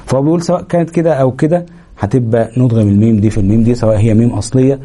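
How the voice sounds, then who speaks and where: Egyptian guy teaching, talks quick, kinda husky, dark low voice, keeps asking if you got it. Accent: Egyptian Arabic. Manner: explains step by step, pauses with fillers, checks understanding. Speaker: Quran recitation teacher. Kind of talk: explanatory lesson.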